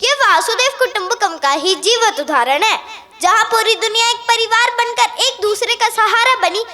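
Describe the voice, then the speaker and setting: A woman's voice: very high-pitched, moderate pace, bright, forceful tone. A teenage girl, a student speaker, delivering an earnest, declamatory formal competition speech in a school auditorium.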